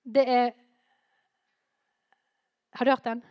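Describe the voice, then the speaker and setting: A woman preaching a sermon in a lively way, rising to fervent emphasis. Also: fairly high pitch, no room sound, lo-fi sound.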